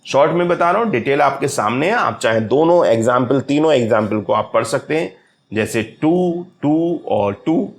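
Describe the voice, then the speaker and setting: Gravelly man teaching literary terms. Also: medium pitch, lively intonation. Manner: addresses viewers as friends repeatedly, reads English definitions slowly. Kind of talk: explaining literary terms to exam students.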